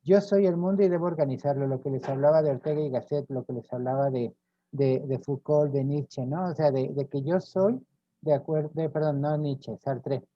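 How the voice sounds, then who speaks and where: A man's voice: fairly high pitch, moderate pace, dry recording, muffled recording. A man with a Mexican accent giving a university lecture, explaining step by step and checking in with frequent tag questions. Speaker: professor.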